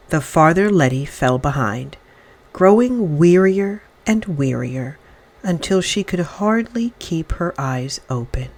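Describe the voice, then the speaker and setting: A woman with a fairly low voice reads a children's story aloud, narrating expressively and dramatically with carefully measured phrasing.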